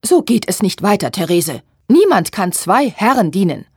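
A strict shop owner in a storybook, voiced by a woman reader. She speaks firmly and a little louder, laying down the law. The recording is dry and close. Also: medium pitch, big pitch swings, normal speed, breathy edge, no room sound. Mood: scolding. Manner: firm, loud and scolding. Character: stern, quick-tempered woman, head of a sewing shop. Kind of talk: audiobook reading.

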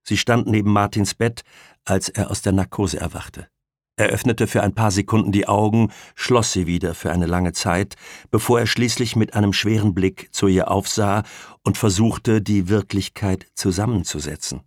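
A man narrating an audiobook in a steady, measured way. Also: on the low side, no room sound, clean studio sound.

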